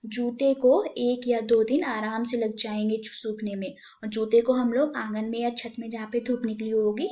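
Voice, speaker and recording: Woman teacher doing an online class for little kids, patient, slips english words in, voice a bit high. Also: dark tone. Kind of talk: online class lesson for young children.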